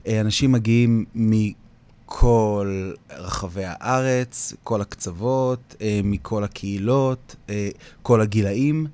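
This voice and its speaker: A man's voice: on the low side, a little mellow, clear, resonant tone. A man with an Israeli accent, the founder of a community singing project, talking in an interview in an earnest way and repeating phrases for emphasis. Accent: Israeli Hebrew. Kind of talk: interview, reflective talk.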